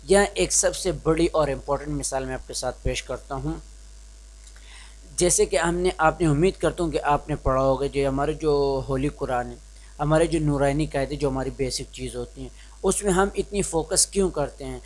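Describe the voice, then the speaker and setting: A young man from Pakistan giving an informal spoken lesson on reading skills, hesitant and restarting often, slipping into English phrases. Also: a little high. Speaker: teacher explaining reading skills.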